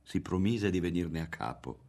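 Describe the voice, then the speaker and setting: Audiobook narrator, male, low voice, very expressive rise and fall, dramatic literary reading. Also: moderate pace. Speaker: audiobook reader. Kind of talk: scripted narration of a novel.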